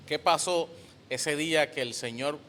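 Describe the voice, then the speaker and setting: Affirming male host, slightly high voice. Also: a little slow, a bit bright, slight background noise. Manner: affirming, finishing the guest's sentences. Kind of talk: interview conversation.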